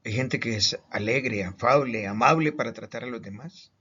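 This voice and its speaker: A man's voice: mid-range voice, moderate pace, bright, forceful tone, husky. A man from Colombia teaching a recorded online lesson, stressing each point with questions and repeated words. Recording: slightly muffled lo-fi audio.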